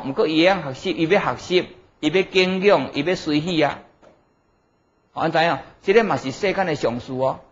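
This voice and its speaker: A middle-aged Buddhist monk with a Taiwanese Hokkien accent lectures in a somewhat high male voice. He teaches didactically, punctuating his points with short interjections and questions to check understanding. The recording is a little dull and lo-fi. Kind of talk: Dharma lecture. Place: indoor lecture room at a desk before a blackboard.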